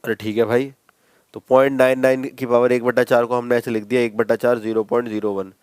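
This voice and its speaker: Smooth-voiced male maths teacher lecturing. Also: mid-range voice, little pitch movement, brisk, a little mellow, dry recording. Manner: conversational, addresses students as bhai, repeats steps. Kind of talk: classroom lecture.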